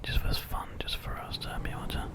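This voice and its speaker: A British ASMR host and gamer whispers breathily right up against the microphone, giving gentle, unhurried commentary on a game.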